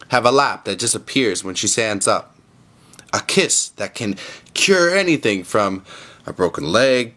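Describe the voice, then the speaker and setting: A man's voice: on the low side, fairly bright tone. A man voicing the Lord as a proud, patient male creator, speaking earnestly.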